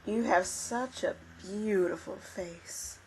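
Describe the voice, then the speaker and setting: A roleplayer voicing a vain, creepy angel woman who sweet-talks in a breathy hush, a little away from the mic. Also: medium pitch, slow, a little hiss or hum, lightly acted, rough recording. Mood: sweet-talking.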